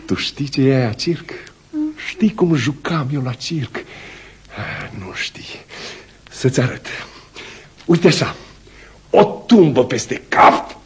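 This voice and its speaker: An actor playing a kind, playful male circus polar bear who talks in a gentle, coaxing way. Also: medium pitch, animated, husky. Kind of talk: radio play acting.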